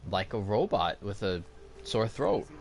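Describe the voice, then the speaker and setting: A man's voice: fairly low pitch, big pitch swings, a little slow, gravelly, a little hiss or hum. Rambling male game streamer. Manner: rambling, full of fillers and restarts. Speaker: livestream gamer host. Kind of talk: casual gameplay commentary. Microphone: gaming headset.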